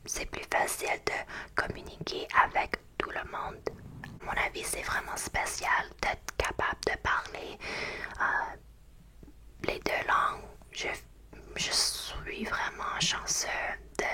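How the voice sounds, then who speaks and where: A young woman from Canada, whose first language is English, whispers a slow ASMR ramble in an English Canadian accent and often pauses to find her words. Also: bright, forceful tone. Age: young adult. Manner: hesitant, pauses to search for French words. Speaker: ASMR creator.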